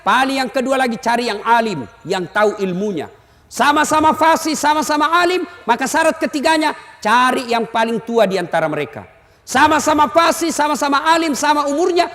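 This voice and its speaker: Male preacher, comic sermon, high bright voice that swings widely, long hall reverb. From Indonesia. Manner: animated storytelling, acts out the people in his anecdotes.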